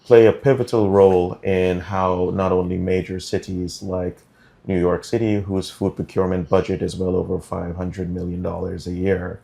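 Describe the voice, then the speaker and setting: A middle-aged man from Guyana, speaking as an interview guest in a measured, deliberate way with frequent ums. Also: deep voice, little pitch movement, vocal fry, warm tone. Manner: measured, deliberate, many um fillers. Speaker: interview guest, food policy director. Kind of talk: studio interview.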